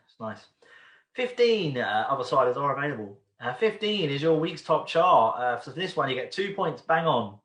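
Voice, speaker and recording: A man's voice: medium pitch, a bit bright. Uk guy running a pub quiz from home, chatty, rambles and repeats questions, roomy echo. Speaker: quiz host. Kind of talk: casual livestream quiz hosting. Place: room at home.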